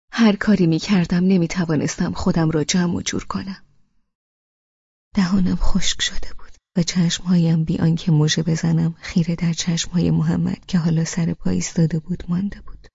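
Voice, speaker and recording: A woman narrating an audiobook in the first person, in a hushed, intimate, half-whispered way. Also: on the low side, creaky, breathy edge, no room sound, highs cut off.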